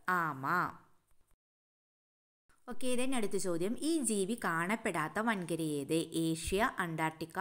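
A woman teacher going through exam answers for young children, asking questions and answering them herself, with English words mixed in. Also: fairly low pitch. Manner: mixes English words into her talk.

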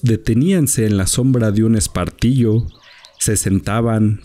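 A man reading a literary short story aloud as a measured audiobook narrator. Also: fairly low pitch, mellow, a little hiss or hum.

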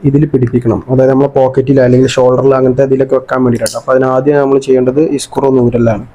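Talking very fast in a mellow, mid-range voice with little pitch movement, this Kerala Malayalam-accented man runs an unboxing vlog. He walks through each step casually and informally, and the recording is muffled, noisy, and full of clicks.

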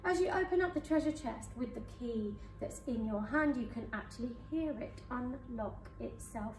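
A woman hypnotherapist leading a guided hypnosis session for a live audience in a conference room, speaking in slow soothing suggestions. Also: fairly high pitch, darkish tone, a little hiss or hum. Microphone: far camera. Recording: echoey room from far off.

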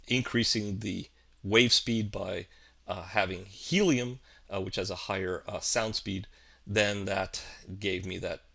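A man narrating a video tutorial, slow and halting, with many ums and uhs. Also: fairly low pitch, gravelly, a bit bright. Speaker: animation physics teacher.

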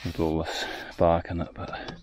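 A man casually explaining his work at an outdoor sawmill yard, recorded on a head-mounted camera, relaxed and thinking aloud. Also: sits low, unhurried, a little hiss or hum. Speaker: sawmill operator. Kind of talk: casual first-person narration. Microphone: head-mounted action camera.

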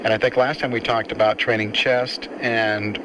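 Casual low-voiced interviewer on old tape. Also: male voice, little pitch movement, moderate pace. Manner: casual, hesitant questions. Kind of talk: recorded audio interview. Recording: old cassette tape with background hiss.

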